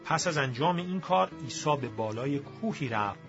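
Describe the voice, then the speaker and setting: A man reads scripture aloud in a measured, expressive storytelling manner. His voice sits a little high and moves through a lively range. The recording is slightly muffled, with faint music underneath. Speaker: scripture reader.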